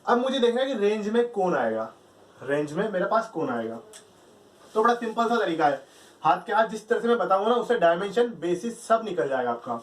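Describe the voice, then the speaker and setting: High-voiced man teaching math, echoey room. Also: big pitch swings, brisk. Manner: explains step by step, asks and answers his own questions. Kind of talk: lecture. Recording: echoey room, distant mic.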